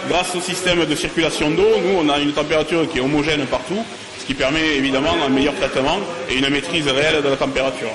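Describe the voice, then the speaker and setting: A man in his thirties explains things in an interview with a slightly high voice. The tiled room echoes clearly, with voices behind him. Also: fairly even intonation, quick pace, crowd noise. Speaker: inventor being interviewed. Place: tiled locker-room shower area.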